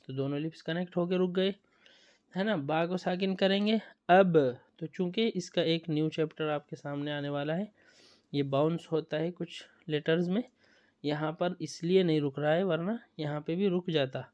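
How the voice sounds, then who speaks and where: A man's voice: on the high side, steady tone, darkish tone, clean tone, lo-fi sound. A man teaching Quran recitation rules in an online lesson, patiently repeating points and checking that students follow. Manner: patient, repetitive, checks understanding with tag questions. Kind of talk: online lesson explaining on-screen examples.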